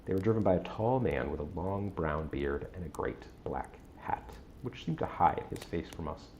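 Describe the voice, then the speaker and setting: A man reading a gothic novel aloud with a measured, dramatic storytelling delivery. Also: low-pitched, lively intonation, a little mellow, a little hiss or hum. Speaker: audiobook-style reader on a stream.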